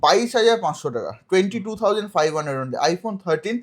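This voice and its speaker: A man with a Kolkata Bengali accent who speaks very fast in a high voice and runs through price after price. He repeats each figure in a sales pitch for secondhand phones. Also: lively intonation. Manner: rapid repetitive price listing. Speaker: phone seller.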